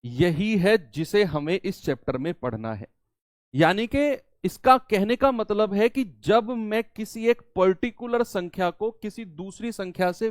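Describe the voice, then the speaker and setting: A man's voice: high-pitched, no room sound, clean studio sound. A man teaching a maths lesson to students, asking questions and answering them himself, repeating each key term twice. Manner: repeats key terms in two languages, asks and answers his own questions. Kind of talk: classroom-style maths lesson.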